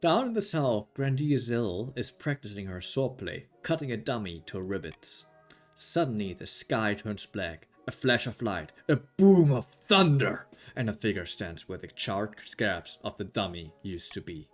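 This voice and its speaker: A man's voice: lowish voice, big pitch swings, measured pace, faint music behind. A man narrating a board game on a live stream, with dry, wry delivery. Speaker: game storyteller.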